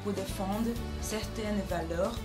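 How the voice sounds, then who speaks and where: Woman, Belgian, political candidate in an interview; slow and measured, hesitant, music bed behind. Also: medium pitch. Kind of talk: interview answers. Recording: background music throughout.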